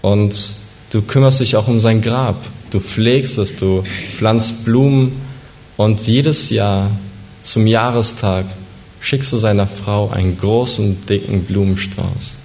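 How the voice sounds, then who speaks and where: A man telling a vivid, suspenseful story in the second person, slowing down at dramatic moments. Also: on the low side, a little mellow, slight background noise.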